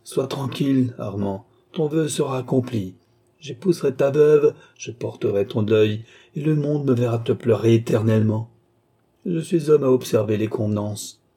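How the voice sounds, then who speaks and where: A man's voice: mid-range voice, moderate pace, mellow, slightly rough. A man voicing a treacherous army captain who speaks coldly and mockingly, taunting his victim. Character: treacherous scheming Italian army captain, gloating.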